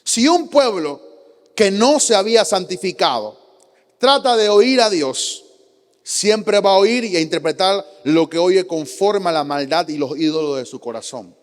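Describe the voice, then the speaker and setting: A man's voice: sits high, animated, a little slow. A man, a pastor with a Panamanian Spanish accent, preaching a sermon with rhetorical questions, emphatic repetition and acted-out quotes of churchgoers. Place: church sanctuary. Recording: long church hall reverb.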